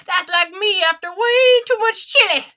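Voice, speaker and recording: With slight background noise, a woman voices an exaggerated, high, bright old Southern grandma reading a picture book aloud. Her slow, folksy drawl lingers over every word, and she's chatty and theatrical, gasping and exclaiming.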